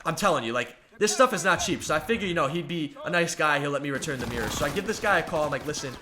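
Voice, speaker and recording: A young man casually telling a story to his vlog audience, rambling and getting loud when annoyed. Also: a little high, animated, very fast. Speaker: vlogger.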